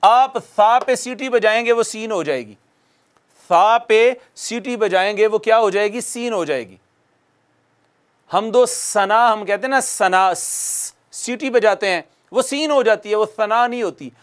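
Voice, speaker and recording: A man with a fairly high voice teaches a recitation lesson for television. He talks patiently and repeats himself, asks the viewer questions and answers them. When he demonstrates a sound, he slows right down. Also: clear, resonant tone. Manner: patient, repeats key points and quizzes the viewer.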